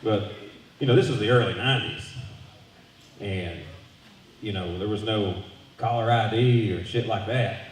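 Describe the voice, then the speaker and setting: Stand-up comic, thirties, animated and crude, recorded echoey from a distance at a bar gig. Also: male voice, medium pitch. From Southern US. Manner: loose, profane storytelling with animated voice jumps. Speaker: stand-up comedian. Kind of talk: stand-up comedy set. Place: brewery comedy showcase stage. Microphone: handheld stage microphone. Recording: echoey room from far off.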